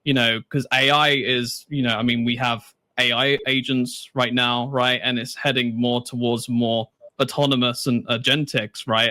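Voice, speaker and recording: Bright-voiced male moderator, dry sound. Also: mid-range voice, no room sound. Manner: conversational, uses fillers, quick asides. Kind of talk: panel moderation.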